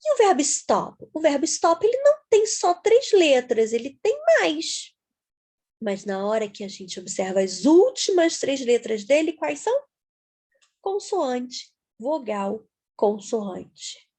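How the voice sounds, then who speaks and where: A woman's voice: high-pitched, sing-song, takes it slowly, a little mellow. A woman teaching English grammar to viewers, patiently spelling words out letter by letter.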